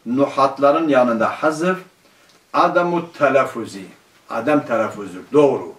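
A man teaching a grammar class, firing questions at his students and then answering them himself. He reads quoted classical phrases slowly, word by word. He is recorded from a distance in a roomy classroom with a clear echo. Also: mid-range voice. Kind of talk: grammar lesson. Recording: roomy, distant room mic.

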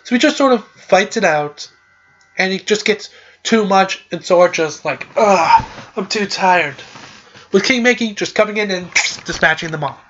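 A man's voice: high-pitched, expressive, normal speed, a bit bright, highs cut off, slight background noise. A man hosting a podcast, casually recapping a video game plot in a rambling, filler-heavy way.

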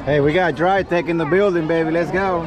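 A man hosting a vlog in a hyped, casual way, loudly greeting friends at a crowded spring outdoors. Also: on the high side, steady tone, brisk, very noisy. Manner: loud, hyped, shouting greetings. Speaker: vlog host. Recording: outdoor action cam with loud music. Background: loud music and crowd.

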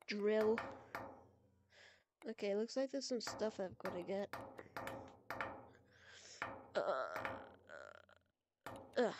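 A woman giving chatty, excitable commentary while playing a VR game, reacting to each new item and humming to herself. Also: mid-range voice. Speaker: gameplay video creator. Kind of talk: casual gameplay commentary. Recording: constant clear background noise.

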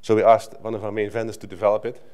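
Middle-aged Dutch man, slightly low voice, chatty conference talk at a lectern mic, restarts a lot. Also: little pitch movement, rapid-fire, a little mellow, smooth. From Netherlands. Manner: conversational, with frequent restarts and filler "right?". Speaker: conference speaker. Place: conference hall stage at a lectern. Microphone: lectern microphone.

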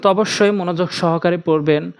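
A Quran teacher from Bangladesh with a Bangladeshi Bengali accent, giving a letter-by-letter pronunciation lesson and repeating each Arabic letter deliberately with careful articulation. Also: mid-range voice, fairly even intonation, smooth, soft background music.

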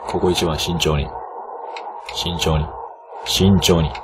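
A man with a Kansai accent giving casual let's-play commentary, excitable and bursting into loud yelps and cries, on a noisy old home recording. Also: deep voice, slow. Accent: Kansai Japanese. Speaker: game commentator.

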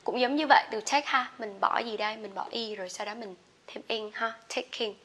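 A woman teaching an English grammar lesson. She explains in a chatty way and reads the example sentences slowly and loudly. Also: fairly high pitch, husky.

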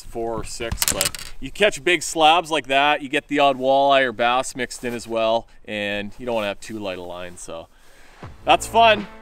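Laid-back male angler, thirties, talking through his fishing on a lake, clip mic, faint music underneath. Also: medium pitch. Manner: relaxed, chatty, lots of fillers and restarts. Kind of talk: casual fishing commentary. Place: small boat on a lake, outdoors.

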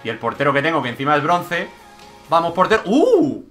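Excitable young gaming commentator. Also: male voice, a little high, soft background music. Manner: excitable, jokey, rapid shifts between shouts and mutters. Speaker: gaming YouTuber. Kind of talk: energetic gameplay commentary.

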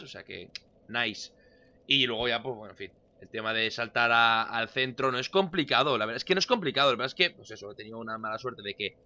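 Young man, let's-play commentator, bright and forceful, lo-fi home mic, jumps from shouts to mumbles. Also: mid-range voice. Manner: excitable, swings from loud shouts to muttering. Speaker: gameplay commentator.

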